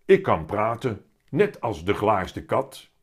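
A man reading a children's story aloud and voicing a big, calm, stubborn talking tomcat with a heavy, deep voice, loud and deliberate. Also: slightly rough, exaggerated voice. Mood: solemn.

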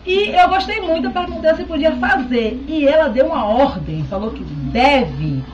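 A beauty vlogger in her thirties sits in a small room at home, casually chatting into a close-up webcam while answering viewer questions and staying in touch with them. Her voice sits high, and her chatty style includes frequent "tá?" check-ins. The recording is muffled.

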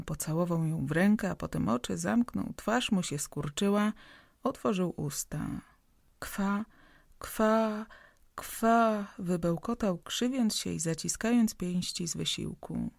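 Audiobook narrator, woman, low and gravelly, even measured reading, dry close mic. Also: no echo. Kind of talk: scripted narration.

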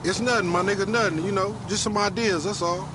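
A man's voice: high-pitched, steady tone, fairly quick, noisy background, lightly acted. An actor playing a brash young male gangster in a video game, talking in boastful, slangy banter. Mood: scheming.

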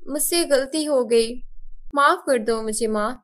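A woman voicing a gentle, tearful young girl in a cartoon story, speaking softly and pleadingly. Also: high-pitched, a little slow, background noise. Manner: soft, pleading.

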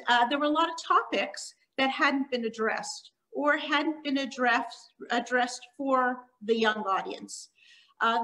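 A middle-aged woman from Montreal, a children's author, giving a talk from her living room over a laptop webcam, with frequent ums and pauses. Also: a little high, a bit bright, poor audio. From Canada (Montreal), born in Hungary. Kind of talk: presentation on a video call. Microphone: laptop webcam on a video call.

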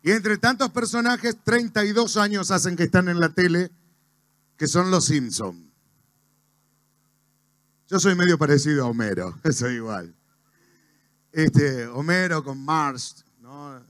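Comedian doing standup, kinda high bright voice, slow and joking. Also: male voice, expressive, dry recording. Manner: nostalgic joking banter. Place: outdoor festival stage.

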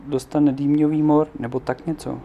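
Man reading a dreamy young boy, earnest, gravelly, slightly higher voice, storybook. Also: little pitch movement, highs cut off, a little hiss or hum, lightly acted.

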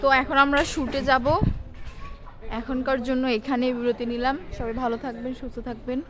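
High-voiced Bangladeshi woman hosting a vlog. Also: level tone, normal speed. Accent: Bangladeshi Bengali. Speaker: vlog host. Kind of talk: casual chat to camera and companions. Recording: outdoor crowd chatter behind.

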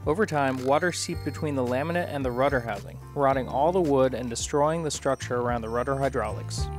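A man in his thirties calmly narrating a boat-repair vlog as its host. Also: mid-range voice, a little fast, music in the background. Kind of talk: scripted voice-over narration.

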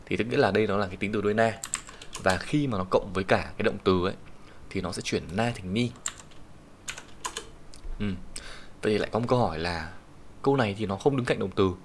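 A man with a low voice and a Vietnamese accent gives an online kanji lesson. He patiently walks through each reading and slows right down to read the Japanese example sentences. A faint hiss and some keyboard typing sit behind him. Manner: patient, explanatory, reads Japanese sentences slowly.

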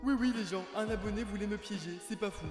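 High-voiced chatty male gamer. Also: fast talker, soft background music. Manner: chatty, keeps addressing viewers as "les gens". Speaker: gaming YouTuber. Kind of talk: casual gameplay commentary.

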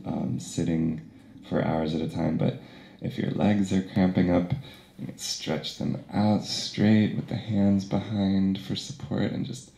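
A man leading a yoga and meditation session, giving calm, unhurried instructions and chanting mantra syllables. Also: low-pitched, creaky, reverberant.

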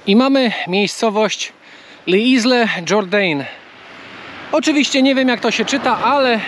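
A high-voiced man chats casually to the camera while cycling a trail outdoors. A faint hum of open air sits under his voice. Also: a bit bright. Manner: chatty, coaxing talk to a bird. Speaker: travel vlogger. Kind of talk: casual travel vlog.

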